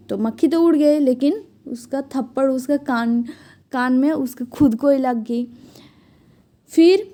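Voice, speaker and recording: A woman's voice: high-pitched, mellow. A woman teacher reading a children's story aloud and then retelling it in simple everyday words.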